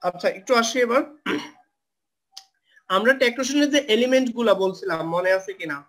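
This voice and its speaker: A man with a high-pitched voice teaches a live online grammar lesson. He walks through each rule step by step and stops to spell out words. He drops English terms into his explanations as he goes. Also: fairly bright tone. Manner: mixes English terms into Bangla.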